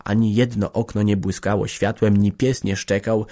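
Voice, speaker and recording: Male narrator, lowish voice, dramatic literary audiobook reading. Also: flat delivery, moderate pace, warm tone.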